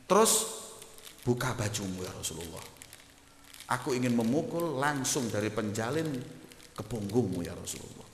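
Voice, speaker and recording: A man's voice: medium pitch, sing-song, moderate pace, pauses often, a little hiss or hum, natural voice. A man with a Javanese accent voicing a blunt man who demands retribution, in a sermon. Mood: demanding. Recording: echoey hall reverb.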